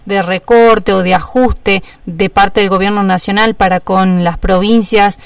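Woman reporter, gravelly voice, formal questioning, a bit distant from the mic. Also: mid-range voice, steady tone, measured pace, no room sound. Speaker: journalist. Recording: dry, heard from off the mic.

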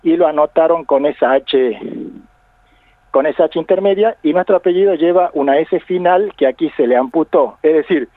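Argentine male academic, radio guest by phone, reflective, laughs easily, a bit high. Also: moderate pace, no echo, narrow, tinny audio. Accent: Argentine Spanish. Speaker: university professor and genealogist.

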